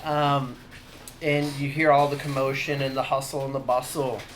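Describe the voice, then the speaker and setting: A man narrating a tabletop game as dungeon master, halting and full of fillers. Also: mid-range voice, little pitch movement, a little hiss or hum. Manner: halting, many fillers and restarts.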